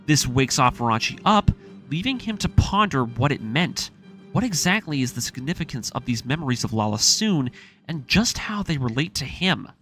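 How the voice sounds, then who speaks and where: Here a man with a medium-pitched, sing-song and fairly bright voice hosts a video essay breaking down a story from a script. At a moderate pace, he sounds emphatic and opinionated, casual asides included, with background music behind him.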